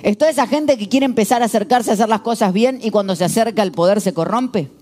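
A man preaching a sermon as a pastor, telling the story in an animated way. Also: high-pitched, fast talker, faint music behind. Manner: animated, storytelling, shifts into quoted voices.

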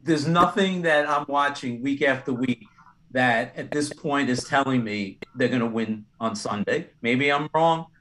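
An older man on a casual sports talk panel, measured and skeptical in his opinions. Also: mid-range voice, a bit bright, slight background noise, poor audio.

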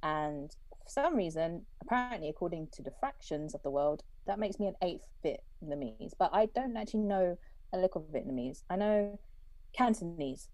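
A young British woman hosts a podcast over a video call, chatting casually, laughing often and acting out quoted lines. Her voice sits low with a darkish tone and no echo.

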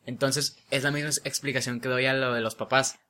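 A man's voice: medium pitch, flat delivery, brisk, pushed and bright. Young mexican guy, slangy chatty storytelling, laughs a lot, casual convo. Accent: Mexican Spanish. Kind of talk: casual chat.

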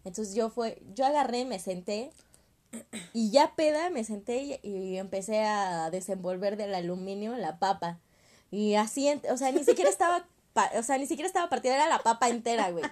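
Young woman, Mexican accent, casual storytelling, slangy, animated, fairly high voice. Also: brisk. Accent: Mexican Spanish.

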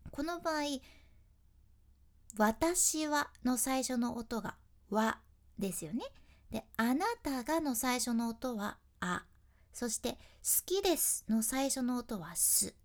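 A woman who works as an announcer, giving a chatty, step-by-step lesson on speaking and acting out example phrases. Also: fairly high pitch. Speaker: announcer teaching speaking skills. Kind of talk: casual instructional talk.

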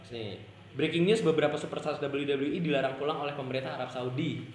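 A man's voice: a little high, fast, roomy sound, a little hiss or hum. A man co-hosting a casual podcast, rambling in slang and laughing often. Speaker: podcast co-host.

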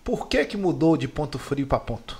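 A woman hosting a podcast, asking questions in a relaxed conversational way. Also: sits low, normal speed, breathy edge. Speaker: podcast host. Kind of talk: casual podcast chat.

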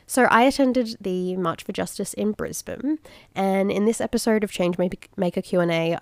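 A woman's voice: mid-range voice, gravelly, darkish tone, no room sound. An Australian woman in her twenties hosting a podcast, talking in a chatty, earnest way while congested and nasal from a head cold. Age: 20s. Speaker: podcast host. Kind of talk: casual podcast monologue.

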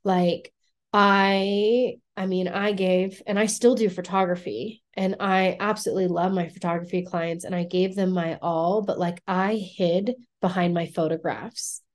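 A woman's voice: on the low side, fairly even intonation, measured pace. A woman guest on a casual podcast interview, a coach speaking earnestly and reflectively with many "like" fillers.

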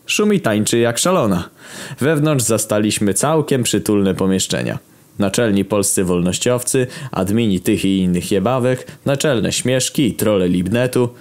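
Deadpan low-voiced man telling a crude story. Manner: deadpan, crude storytelling with sudden shouted outbursts. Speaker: narrator. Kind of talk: reading an absurd internet story aloud.

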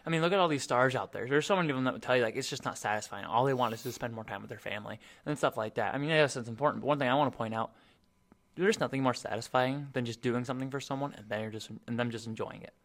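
A man's voice: medium pitch, quick pace, fairly bright tone. A man talking earnestly and a little ramblingly in a casual faith discussion, co-hosting a Bible talk.

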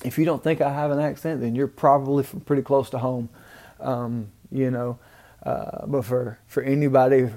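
Hosting his own laid-back solo podcast, a Mississippi man with a Southern accent wanders through his thoughts with plenty of ums and false starts. His mid-range voice has a dark tone, captured on a home mic in an amateur setup.

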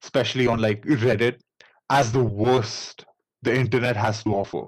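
A man with an Indian accent hosting a casual podcast, telling a story in a rambling, halting way with many fillers and restarts. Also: mid-range voice, steady tone, poor audio. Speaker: podcast host.

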